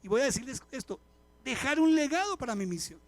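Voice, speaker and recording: High-voiced pastor, animated. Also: male voice, fast, no echo. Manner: animated and chatty, with humorous stories and direct questions to the congregation. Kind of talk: live church sermon. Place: church service before a congregation.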